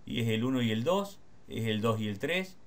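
A man with an Argentine Spanish accent, teaching guitar in a casual one-on-one lesson, explaining rhythm with quick rhetorical questions. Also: mid-range voice, expressive. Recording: guitar playing in the background.

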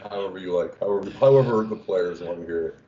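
A man from the game team sharing player stats on a livestream, halting with many fillers. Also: sits low, warm tone, a little hiss or hum. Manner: halting, many uhs and restarts. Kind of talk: casual livestream chat. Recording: echoey room, dull lo-fi audio.

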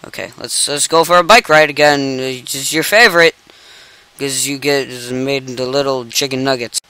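Exasperated and incredulous, a young let's play commentator keeps saying "no" as he plays at his computer. His medium-pitched voice is pushed, bright, clear and resonant, at a moderate pace with fairly even intonation, but the audio is poor.

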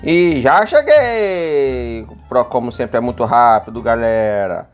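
A man with a Brazilian accent giving casual, playful gameplay commentary alongside a child, excitable and given to high-pitched whoops. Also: slow. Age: adult. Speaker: gaming video host playing alongside a child. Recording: music behind the voice.

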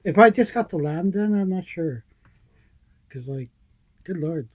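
Husky, laid-back man co-hosting. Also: high-pitched, expressive, measured pace, darkish tone, dry recording. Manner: laid-back, loose and rambling. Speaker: reaction video co-host. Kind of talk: casual reaction chat. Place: small indoor room with posters.

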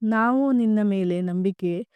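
A woman voicing a gentle, proud father who gives calm advice to his daughter in a storybook tale. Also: medium pitch, slow, clear, resonant tone, no echo, close to an everyday voice. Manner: gentle, advising.

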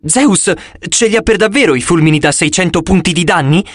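A man doing a giddy little boy, bouncy and high. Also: fairly quick, no room sound, clean studio sound. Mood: excited. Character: excitable young boy, giddy and chattering.

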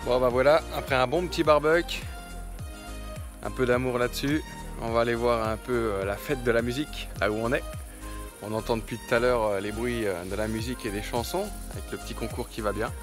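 A young man in his twenties from France, talking casually to a phone held at arm's length outdoors, chatty and relaxed with lots of fillers. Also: medium pitch, a little fast, music in the background. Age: 20s. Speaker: vlogger. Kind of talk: casual travel vlog. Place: outdoors by the sea and in a camper van.

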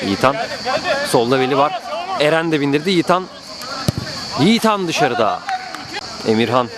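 A man doing live play-by-play football commentary, excitable, with calls that rise to drawn-out screams at goals. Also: a crowd in the background. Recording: noisy outdoor pitch, background ambience.

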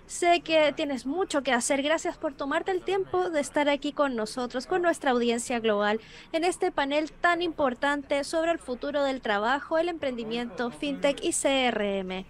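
A woman with a high, light voice gives a live interpretation over an online panel discussion. She keeps a brisk, even delivery and often clips a word and restarts it as she catches up with the speakers. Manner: brisk, with small word restarts and self-corrections.

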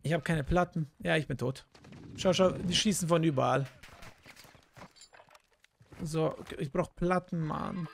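A man streaming a game chats casually, grumbling, swearing and speaking in slang. His voice is fairly high with vocal fry, he talks a little slowly and leaves long pauses, and a little hiss or hum can be heard. He's in an indoor room at a gaming setup, using a close-up desk mic plus a headset.

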